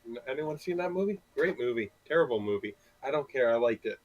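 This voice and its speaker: A man's voice: medium pitch, expressive, fast, a little mellow, lo-fi sound. A man running a tabletop game as game master, recapping in a casual, rambling way with many fillers.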